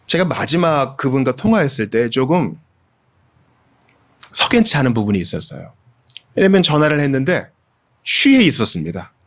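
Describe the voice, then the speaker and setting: A man preaching a sermon as pastor, speaking earnestly and directly to his congregation, moving from hushed low tones to raised, emphatic pleading. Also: very animated, normal speed, long pauses.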